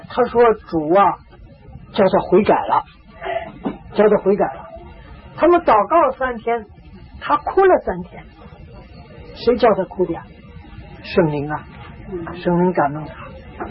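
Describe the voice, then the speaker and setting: A man delivers a storytelling sermon in a high voice, leaning on repetition and a steady stream of drawn-out "ah"s. The sound is thin and phone-like, with a faint hiss underneath. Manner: repetitive, emphatic, frequent drawn-out "ah" fillers. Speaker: preacher. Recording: tinny phone-like lo-fi recording.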